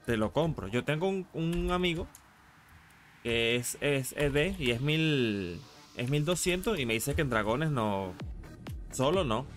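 A game streamer with a Latin American Spanish accent chats casually on a live stream, his mid-range voice expressive and his pace measured. His talk is informal and slangy with some casual swearing, and faint music plays behind him.

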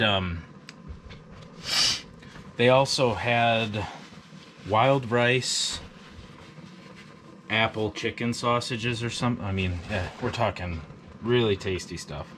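Slow-talking man vlogging outdoors. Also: on the low side, noisy background. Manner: easygoing, rambling, talks to his dog. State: out of breath. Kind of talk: casual outdoor vlog. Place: snowy woods outdoors. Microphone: action camera.

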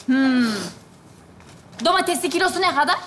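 A woman playing a brash, quick-tongued shopper in a stage comedy sketch. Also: extremely high pitch, a bit bright. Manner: brash, quick, comically indignant. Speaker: shopper character. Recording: live stage show with audience noise. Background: studio audience laughing.

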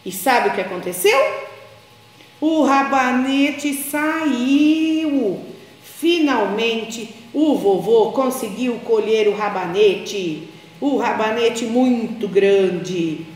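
A Brazilian woman, a teacher, telling a picture-book story to young children in a slow, sing-song, affectionate way. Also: on the high side, expressive, a little mellow. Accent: Brazilian Portuguese. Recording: echoey room, long reverb.

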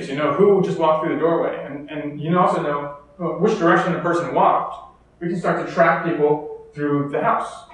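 At a conference keynote in an echoey lecture hall, an American man with a fairly high, slightly bright voice explains things steadily, occasionally adding fillers or restarting sentences. The mic sits at a distance.

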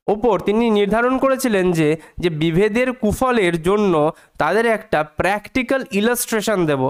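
High, smooth-voiced man teaching English reading. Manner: slow drawn-out reading of English words, then quick explanation; checks in often with rhetorical questions. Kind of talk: reading lesson, translating English into Bengali.

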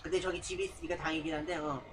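A man's voice: a little high, flat delivery, racing, slight background noise. A man streaming a horror game live, startled and exclaiming, muttering to himself as he plays. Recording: game music behind the voice. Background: horror game music.

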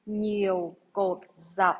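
A woman primary school teacher giving a dictation lesson to young pupils, deliberate and measured, repeating phrases. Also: mid-range voice, level tone, husky, phone-quality sound.

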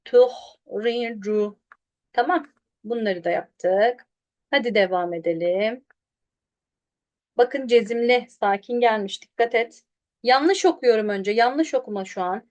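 A woman teaching pronunciation online, sounding out syllables slowly and contrasting wrong and right versions. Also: a little high, a little mellow. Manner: directly addresses students, quotes them animatedly. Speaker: Quran recitation teacher.

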